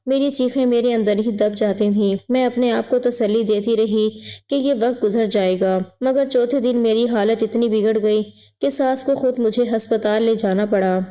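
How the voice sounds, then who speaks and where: This is a woman's voice, pitched a little high and soft in tone, with a mellow, dark timbre. She narrates a scripted first-person story at a steady, even pace, never rushing or dramatizing. The delivery stays measured and composed throughout.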